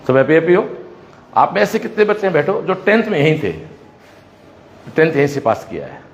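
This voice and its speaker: A man's voice: a little high, very animated, fairly quick. A man walks through a school, chatting with students and talking to the camera. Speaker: coaching and school founder touring his campus. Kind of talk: live walkthrough vlog. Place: school classrooms and corridors.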